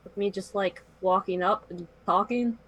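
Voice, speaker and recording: A woman's voice: medium pitch, fairly even intonation, normal speed, fairly bright tone, breathy edge, low-quality recording. A woman playing a tabletop game, chatting casually and role-playing in an informal, breezy way.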